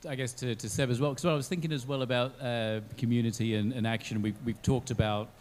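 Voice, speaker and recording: Mid-range, steady in tone and quick in pace, this man is a panelist from a blockchain company in an online panel discussion. He reasons aloud as he goes and keeps restarting his sentences.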